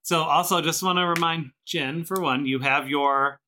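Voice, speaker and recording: A man's voice: fairly high pitch, steady tone, normal speed, bright, forceful tone, a little hiss or hum. A man acting as game master, patiently explaining the rules of a dice game to the players and laughing often.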